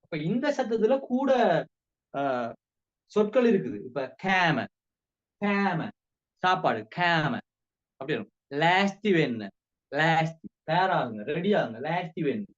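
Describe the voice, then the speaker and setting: A man with a Sri Lankan Tamil accent giving a casual spoken language lesson, repeating words slowly for drill. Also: a little high, big pitch swings, dull audio. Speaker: language teacher.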